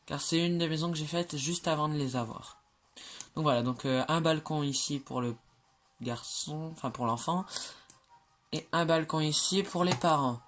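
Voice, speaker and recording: Showing off their game builds, this creator narrates casually at a normal speed, with a medium pitch and a fairly bright tone. There's slight noise in the background. The delivery is hesitant and chatty, packed with fillers and corrections, and they laugh off their own mistakes.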